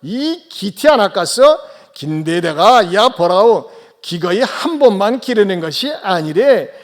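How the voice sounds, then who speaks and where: Man putting on a slow South Pyongan old man. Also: sits high, sing-song, voice pushed up. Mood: marveling. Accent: South Pyongan dialect. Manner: slow, coaxing, repeated interjections. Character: homely South Pyongan old man marveling at his Lord.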